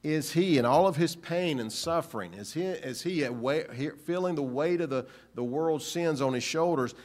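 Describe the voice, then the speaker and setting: A man's voice: on the high side, a little mellow. A man preaching a sermon in an earnest, searching way, asking rhetorical questions and often restarting phrases. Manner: halting restarts.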